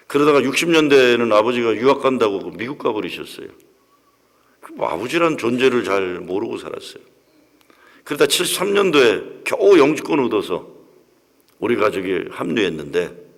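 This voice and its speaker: A pastor in his sixties telling a personal story in a sermon, with emotional storytelling. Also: on the low side. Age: 60s. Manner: emotional storytelling, acts out quoted voices. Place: church sanctuary. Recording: long reverb of a church hall.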